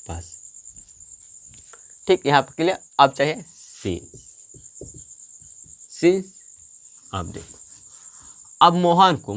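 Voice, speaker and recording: A man's voice: medium pitch, a bit bright. A man teaching English grammar to a class, repeating questions and answering them himself. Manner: slow, drawn-out delivery.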